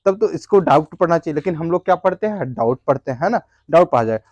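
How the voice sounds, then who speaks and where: A man's voice: on the high side, expressive, fast, a little mellow, dry recording, lo-fi sound. Male teacher quizzing his class aloud. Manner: asks the class questions and answers them himself; repeats each answer, adds "है ना" after points. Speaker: English teacher. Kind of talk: classroom lesson explaining English words.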